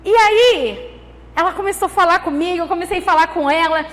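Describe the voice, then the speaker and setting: A woman pastor with a Brazilian Portuguese accent preaching a sermon with personal testimony. She moves between hushed storytelling and fervent exhortation. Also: very high-pitched, fairly quick. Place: large church hall. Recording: reverberant church hall, faint noise.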